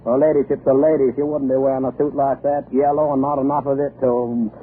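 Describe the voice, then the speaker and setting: A man playing a gruff, blunt local working man who speaks roughly, in 1940s radio acting style. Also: medium pitch, little pitch movement, fairly quick, narrow, tinny audio, close to an everyday voice. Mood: scornful. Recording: thin, hissy vintage radio broadcast.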